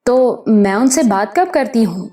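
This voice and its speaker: A woman's voice: on the high side, animated, warm tone, lightly acted. A woman voicing a shy, innocent young woman who talks hesitantly in an audiobook. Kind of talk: audiobook character voice.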